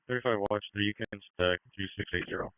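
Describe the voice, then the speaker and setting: Officer calling in over police radio, low and brisk, thin phone-like sound. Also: male voice, clean tone, dry recording. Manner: terse call-sign replies. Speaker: patrol officer. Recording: tinny radio transmission.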